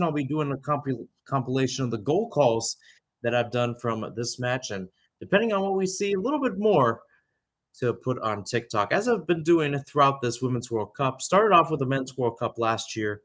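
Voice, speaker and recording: Very animated yet speaking at normal speed, a young adult commentator with a mid-range, fairly bright voice calls a soccer game live, radio fashion. He rambles into casual side remarks and corrects himself repeatedly.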